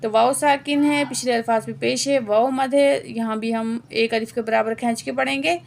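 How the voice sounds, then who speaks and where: Her voice is a little high, steady in tone, and touched with vocal fry as she leads a Quran recitation lesson word by word. Each letter and vowel mark gets spelled out, the words are chanted slowly and at length, and she answers her own quiz questions quickly and more quietly.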